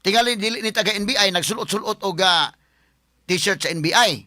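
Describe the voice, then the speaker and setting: A man with a high, sharply bright voice hosts a casual commentary show. He chats to viewers as if they were friends and stops often to restart or fill a pause. The sound is close and dry. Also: no room sound. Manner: chatty, talks straight to viewers as friends; halting, with many fillers and restarts. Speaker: lawyer and commentary host.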